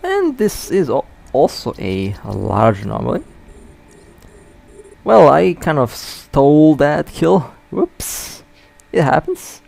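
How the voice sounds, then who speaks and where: A man's voice: a little high, wildly swooping pitch, takes it slowly, gravelly, darkish tone. A man with hiccups giving casual, chatty live commentary while playing a space game, often stumbling and correcting himself. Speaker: mobile space game player.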